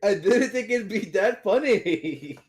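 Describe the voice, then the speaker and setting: A man with a high voice that swings widely up and down, laid-back and jokey. He talks casually with friends during an online tabletop game and curses without a second thought. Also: animated, slow. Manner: giggly, swearing, jokey.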